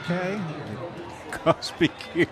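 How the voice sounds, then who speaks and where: A man giving color commentary at a high school football game, good-humored and rambling. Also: fairly even intonation, slow pace, a crowd in the background, noisy background. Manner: rambling, good-humored, trails off mid-sentence.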